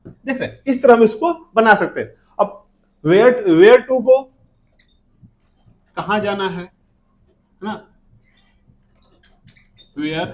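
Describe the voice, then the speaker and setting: A man with an Indian English accent teaching an English lesson, saying each example slowly and glossing it in Hindi. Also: high voice. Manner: slow, repeating words with Hindi glosses. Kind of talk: classroom lesson.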